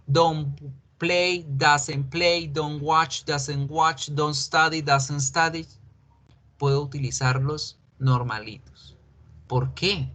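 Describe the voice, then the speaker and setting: A man's voice: fairly high pitch, fairly bright tone. A male English teacher explaining grammar patiently in a recorded online class, mixing English examples into his talk and asking and answering his own questions. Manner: asks and answers his own questions aloud, as a student would.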